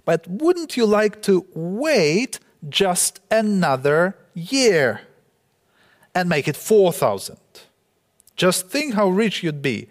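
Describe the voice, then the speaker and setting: A man's voice: high voice, sing-song, slow, in a large hall, heavily acted. A man reading out the lines of a carefree, scheming old professor in a breezy, dismissive way.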